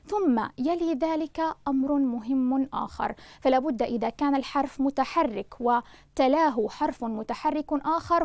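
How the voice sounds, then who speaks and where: High-voiced woman teaching a lesson. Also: creaky, no echo. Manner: slow, deliberate, spelling out syllables; addresses students warmly as loved ones. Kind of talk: online Arabic lesson.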